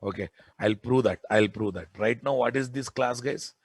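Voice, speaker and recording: A man with a Telugu Indian accent lectures informally on programming, insistent and often questioning his students. The recording is dry with clean studio sound, and his mid-range voice is husky at a moderate pace.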